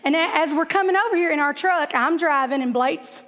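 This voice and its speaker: High-voiced woman telling funny stories. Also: a little fast, fairly bright tone, in a large hall. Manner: chatty and self-deprecating, laughs often; stutters at times. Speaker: kindergarten teacher speaking to a church group. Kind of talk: humorous storytelling talk.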